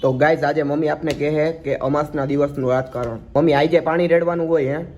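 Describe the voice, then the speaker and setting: A man's voice: on the high side, steady tone, quick pace, dull audio, noisy background. A young man with a Gujarati accent, chatting casually to viewers in a vlog. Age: young adult. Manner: chatty, addresses viewers as guys. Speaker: vlogger.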